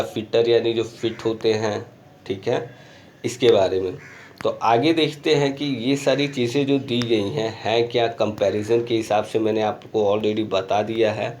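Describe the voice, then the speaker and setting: Guy teaching grammar to kids on a screen recording, slow and patient, keeps going "theek hai". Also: medium pitch, a little mellow, a little hiss or hum. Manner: explains slowly in Hindi mixed with English terms, keeps saying "theek hai". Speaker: school English teacher. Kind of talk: recorded online grammar lesson.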